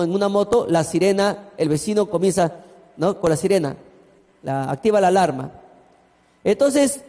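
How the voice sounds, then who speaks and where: A man's voice: sits high, mellow. A man, a pastor preaching a sermon and telling a story with asides to his congregation. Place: church hall. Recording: long church hall reverb.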